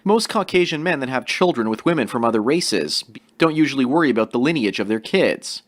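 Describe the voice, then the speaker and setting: A man's voice: mid-range voice, animated, fairly quick. Man narrating in a lecturing tone. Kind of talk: read commentary narration.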